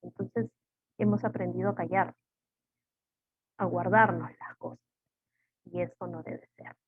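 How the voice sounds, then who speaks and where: A woman's voice: on the low side, measured pace, gravelly. A woman psychologist giving a webinar talk, teaching with strings of rhetorical questions. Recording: tinny phone-like call audio, dry.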